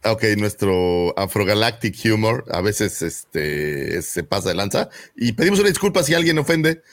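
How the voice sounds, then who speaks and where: A man's voice: on the low side, big pitch swings, moderate pace, no echo, studio quality. A man with a Mexican Spanish accent co-hosting a casual podcast, teasing and joking with his partner. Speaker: podcast co-host.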